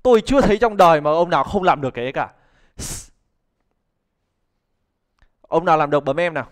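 A chatty young man teaches a live online pronunciation lesson. His voice sits a little high for a man, and he keeps calling on students and cracking jokes as he goes. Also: lively intonation, rapid-fire. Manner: chatty, joking, calls on students to respond. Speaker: English teacher.

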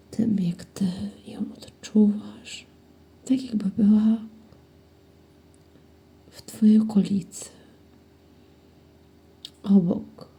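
A woman guiding a breathing meditation in slow, soothing whispered instructions. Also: medium pitch, dark tone, husky. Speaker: meditation guide.

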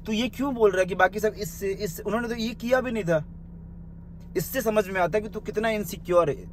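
A man's voice: high voice, a little fast, slight background noise. A young man in a small room delivering an angry, insulting rant into his phone, mocking and confrontational. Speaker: social media commentator.

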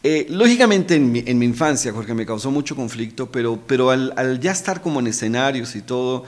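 A middle-aged man speaks openly and earnestly in a mid-range voice. He talks in a warm-hearted, emotional way, stumbling over repeated words and tagging questions onto the ends of his sentences, the way guests do in a relaxed podcast interview. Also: medium pitch, fairly quick. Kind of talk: casual heartfelt conversation. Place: podcast studio.

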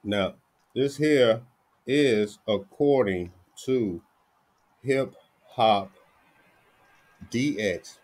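Speaking in a deep voice, a middle-aged man from the Dallas–Fort Worth area of Texas chats casually with viewers of his entertainment news channel. Nearly everything he says ends with "man" or "you know what I'm saying." He records indoors in a small room on a webcam, headphones on.

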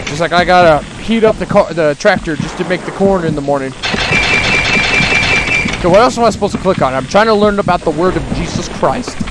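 Over loud game music and heavy background noise, a young man on a headset streams a horror game. His high-pitched, brisk voice jumps between scared and joking as he pleads and rambles crudely.

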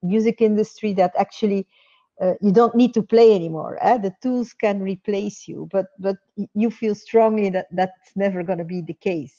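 A middle-aged woman hosting an interview on a video call, speaking hesitantly with many pauses and restarts. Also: medium pitch, fairly even intonation, mellow. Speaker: interview host. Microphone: earbud headset on a video call. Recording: dull lo-fi video call audio.

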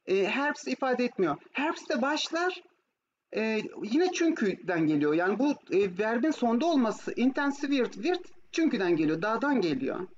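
With a fairly high, very animated voice at a moderate pace, a Turkish-accented woman runs an online German lesson, alternating Turkish and German while explaining and posing checking questions. She screen-shares on a video call whose audio comes through muffled and noisy.

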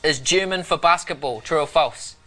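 A man's voice: fairly high pitch, normal speed, bright, forceful tone, soft background music. A man with a New Zealand accent interviewing, hesitant and repeating himself. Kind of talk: casual interview.

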